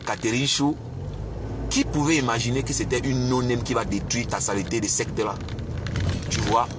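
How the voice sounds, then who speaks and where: A man's voice: medium pitch, fairly even intonation, normal speed. Man in a scornful rant. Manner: scornful, insulting, repetitive taunting questions. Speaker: live streamer. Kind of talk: angry rant on a live stream. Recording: outdoor street noise with traffic.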